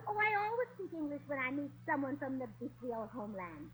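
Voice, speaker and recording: A woman's voice: high-pitched, big pitch swings, fast, fairly bright tone, slight background noise, poor audio. A woman playing a scatterbrained American wife who fakes a posh English manner, with chirpy muddled slang in 1940s radio comedy style. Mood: giddy. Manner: chirpy, muddled fake English with blimey and governor.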